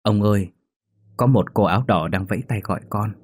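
A man voicing an insistent three-year-old boy in a ghost story, in his own low voice. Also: brisk, darkish tone, close to an everyday voice. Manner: insistent, childlike.

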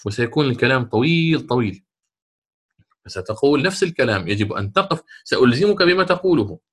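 A man teaching a lesson on Quran recitation rules, asking and answering his own questions and drawing out the recited words slowly. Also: mid-range voice, a bit bright. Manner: stretches recited words drawn out.

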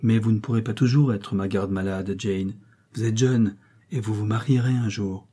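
A man's voice: fairly low pitch, steady tone, moderate pace, mellow, breathy edge. A man voicing a blind, brooding older man who speaks with earnest, emphatic passion. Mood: pleading.

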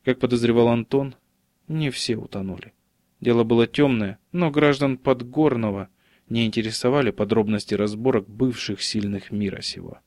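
Brief: male narrator, mid pitch, dry studio sound, measured reading. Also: darkish tone, no room sound. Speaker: audiobook narrator. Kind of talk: scripted audiobook narration.

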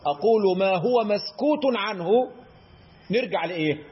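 High, husky Egyptian teacher. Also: male voice, lively intonation, dull audio. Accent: Egyptian Arabic. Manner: quizzes listeners with questions and answers them himself; chants verse examples in a drawn-out recitation tone. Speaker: Quran recitation teacher. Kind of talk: explanatory lesson.

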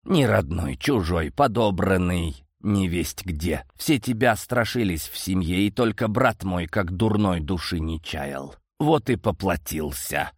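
A man voicing a spiteful sick old man who speaks slowly in a hoarse, snarling voice. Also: low voice, expressive, no room sound, studio quality, full character voice.

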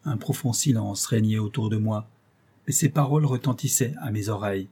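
A man narrating a first-person literary audiobook in a measured, solemn way. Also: lowish voice, dark tone, breathy edge.

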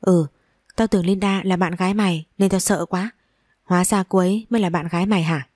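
A woman's voice: on the low side, fairly even intonation, a little fast, darkish tone, no room sound, studio quality, lightly acted. A woman voicing a frightened, blunt young man who is the boyfriend's best friend in a spoken story. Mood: flustered.

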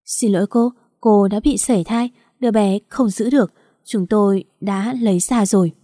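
A woman voicing an old male doctor who speaks calmly and soberly. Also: medium pitch, no room sound, clean studio sound, lightly acted. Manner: calm, measured.

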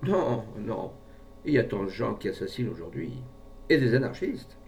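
A sickly old bachelor, fretful and plaintive, his voice pitched up into a worried whine, as the narrator puts him on. Gravel runs under every complaint. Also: sing-song, normal speed, darkish tone, far from the mic, slight background noise.

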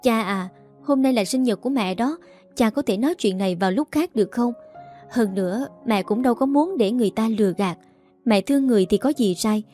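A woman voicing a headstrong, outspoken young daughter who talks quickly and heatedly. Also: on the high side, dark tone, soft background music, natural voice. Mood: heated defiant.

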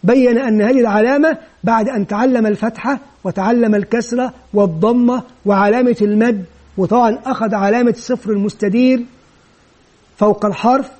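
A man with a very high voice delivers an instructional lecture for teachers. He walks through each step in turn, posing questions and then answering them himself. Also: steady tone, fairly quick, darkish tone. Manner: explains step by step, asks and answers his own questions. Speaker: teacher trainer.

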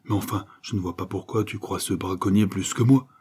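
A man's voice: deep voice, steady tone, a little fast, a little mellow, breathy edge. A man reading an audiobook voices a bitter, sickly young man who answers curtly and resentfully. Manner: curt, resentful.

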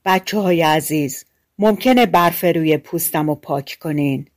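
A woman voicing a big, gentle talking bear in a fairy tale audiobook, speaking calmly. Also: low voice, voice pushed down, close to an everyday voice. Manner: calm, soft-spoken.

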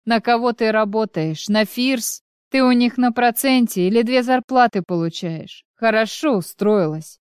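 A woman's voice: a little high, normal speed, few pauses, clear, resonant tone, dry recording, studio quality, lightly acted. A woman reading the part of a sarcastic, accusing male business partner in an audiobook. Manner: mocking, accusing.

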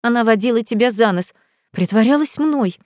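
Woman voicing a spoiled, shrill young bride. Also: expressive, normal speed, darkish tone, no echo, clean studio sound, natural voice. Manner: shrill outbursts, lying, pleading.

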